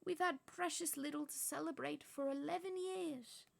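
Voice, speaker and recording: Woman doing an elderly wizard: kindly, amused, slow, soft-spoken, slightly high. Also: creaky. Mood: gentle. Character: old male wizard, gentle and amused.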